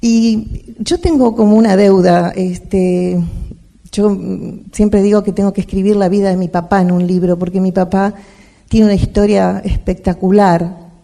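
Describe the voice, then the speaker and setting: A woman's voice: medium pitch, fairly even intonation, a little slow, creaky, dark tone. An older woman with an Argentine accent, giving a devotional talk to a women's church meeting, telling personal stories and often checking in with her listeners. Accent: Argentine Spanish. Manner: storytelling, often asks "¿no es cierto?".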